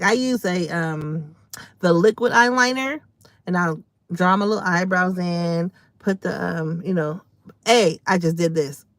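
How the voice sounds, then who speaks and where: A woman's voice: mid-range voice, fairly bright tone, dry recording. A woman hosting a casual live stream from home, chatting to her viewers and calling them y'all and baby. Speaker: livestream host.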